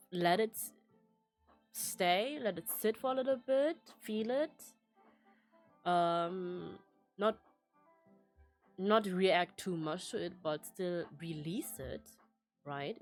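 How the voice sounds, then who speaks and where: A young woman chatting casually as a vlogger, telling a personal story in a meandering way with many fillers, restarts and laughs. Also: lowish voice. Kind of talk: casual rambling chat.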